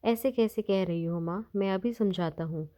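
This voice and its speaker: A woman's voice: medium pitch, normal speed, warm tone, natural voice. A woman reading a dutiful husband and son. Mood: placating. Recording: dull lo-fi recording.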